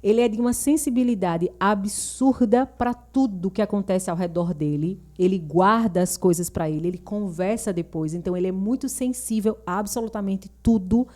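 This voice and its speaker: Frank middle-aged woman, warm mellow voice. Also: mid-range voice, moderate pace, hardly any pauses. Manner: lively storyteller who acts out family dialogue; frank and opinionated. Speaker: guest mother on a school podcast. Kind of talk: casual podcast chat.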